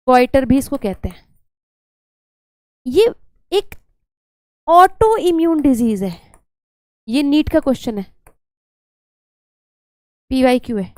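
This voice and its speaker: A woman's voice: high voice, creaky, dark tone, dry recording. A young woman teaching biology in a chatty, scolding lecture style, often slipping English terms into her talk.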